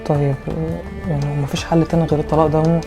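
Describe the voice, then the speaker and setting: A man's voice: fairly high pitch, flat delivery, rapid-fire, mellow, soft background music. A young man with an Egyptian accent acting a hesitant, stammering husband in a comedy sketch. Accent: Egyptian Arabic.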